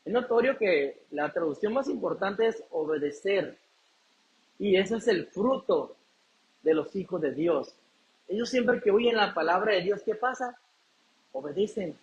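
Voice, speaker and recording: Male pastor, high voice, preaching with call-and-response questions; muffled lo-fi sound. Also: animated, a little slow. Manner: preaching, asks the congregation questions and answers them. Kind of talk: sermon.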